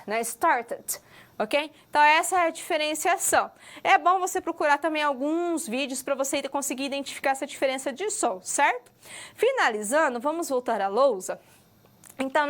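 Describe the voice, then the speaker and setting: High-pitched woman teacher, slow patient lecture delivery with frequent checks. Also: a bit bright. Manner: patient, drawn-out explaining, often checks understanding with "ok?". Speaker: English teacher. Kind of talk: recorded online lecture.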